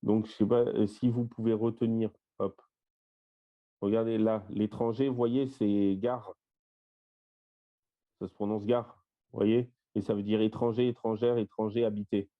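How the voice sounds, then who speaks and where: A man with a lowish voice teaches an online Bible study, walking through word meanings slowly, point by point. His speech is full of little fillers as he works through the list. The audio is dull and lo-fi, like a voice call. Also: little pitch movement. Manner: lists word meanings in a slow, step-by-step way with fillers. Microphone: voice-call microphone.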